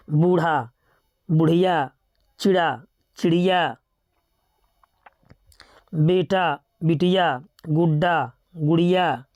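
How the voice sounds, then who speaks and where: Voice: mid-range voice, no echo, clean studio sound. Methodical teacher reciting word pairs. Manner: steady, methodical listing with repeated reminders to remember. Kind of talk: grammar lesson, reading out word pairs.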